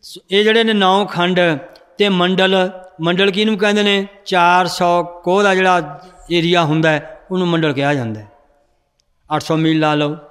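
A man's voice: high-pitched, steady tone, normal speed, fairly bright tone, smooth. A man teaching a scripture lesson, telling a story and explaining verses to his students, in a reverberant hall. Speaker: religious teacher.

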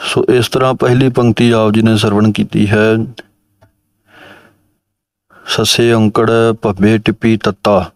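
Low steady guy, slow and even, chants a line then breaks it down, real clean voice, dry room. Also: no room sound. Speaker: Gurbani pronunciation teacher. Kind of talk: recitation lesson.

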